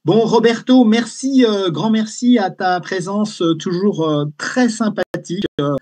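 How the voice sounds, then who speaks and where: A woman speaks in a slightly husky, mid-pitched voice over a video call. Her tone is informal and relaxed as she thanks the guest. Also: unhurried, no echo. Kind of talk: casual chat on a video call.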